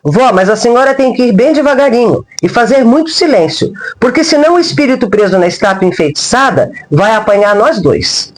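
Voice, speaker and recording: A woman's voice: on the high side, expressive, a little fast, hardly any pauses, rough recording. A woman voicing a frightened, mischievous little boy with a rural Brazilian accent who pleads timidly. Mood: pleading.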